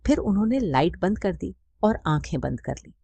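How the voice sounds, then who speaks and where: A woman narrating a first-person story in a steady, plain storytelling manner. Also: lowish voice, normal speed, vocal fry, breathy edge, no room sound.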